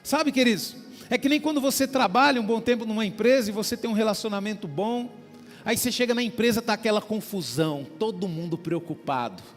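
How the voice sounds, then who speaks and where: Male pastor, sermon delivery, high voice, reverberant church hall with faint music beneath. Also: a little fast. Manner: preaching with small acted-out dialogues and frequent "queridos".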